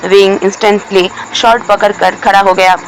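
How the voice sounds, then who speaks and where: A woman's voice: level tone, moderate pace, slight background noise, low-quality recording. A woman reading a romance story aloud, narrating and voicing every character herself. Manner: reads every character herself, shifting pitch for dialogue.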